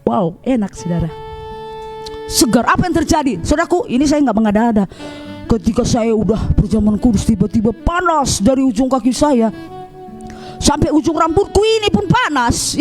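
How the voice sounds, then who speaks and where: Woman evangelist, lively storyteller in the pulpit, faint music bed. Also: sits high, normal speed. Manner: animated storytelling, keeps addressing listeners as brothers and sisters. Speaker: evangelist preacher. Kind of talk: sermon.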